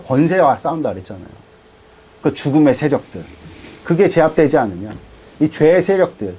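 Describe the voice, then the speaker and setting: Husky animated Korean pastor preaching. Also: male voice, a little high, poor audio. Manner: animated preaching with rhetorical questions to the congregation. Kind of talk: sermon. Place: church sanctuary.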